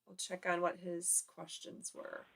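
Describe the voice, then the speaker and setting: A woman's voice: lowish voice, monotone, measured pace, vocal fry, heavy background noise. A woman from Michigan's Upper Peninsula hosting a live call-in show, chatting informally and thinking aloud. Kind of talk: casual live-stream chat.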